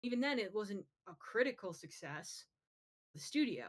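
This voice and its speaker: A podcast co-host with a medium-pitched voice that swings widely up and down, speaking at a normal speed. She's chatting casually and emphatically about pop culture, full of opinions and swearing freely.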